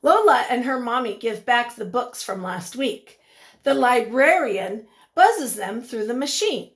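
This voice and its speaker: A woman teacher, her voice a little high and animated, reads a picture book to young children with expression and stops now and then to ask them questions.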